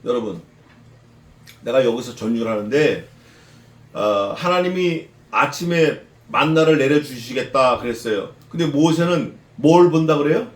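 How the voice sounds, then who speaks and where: A man preaching an expository sermon as a pastor, lively, questioning the congregation and mixing in casual slang. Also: mid-range voice, measured pace, roomy sound. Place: church sanctuary.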